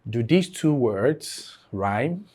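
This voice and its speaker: Male tutor, slow deliberate delivery, drills points by repetition and quizzes the class. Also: mid-range voice, lively intonation, darkish tone, husky. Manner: repeats key phrases, asks the class fill-in questions. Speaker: exam-prep English teacher. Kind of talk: online classroom lecture.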